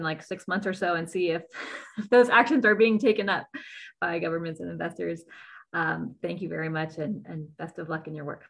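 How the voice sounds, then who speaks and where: A woman's voice: fairly low pitch, fairly bright tone. A woman hosting a podcast, graciously thanking her guests at the close. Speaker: podcast host.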